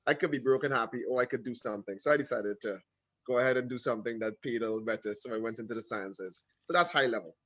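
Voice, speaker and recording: Speaking with a medium-pitched voice, a man from Trinidad and Tobago recounts his story during a relaxed video call interview. He's lively and keeps tossing in quick asides, all in a Trinidadian accent.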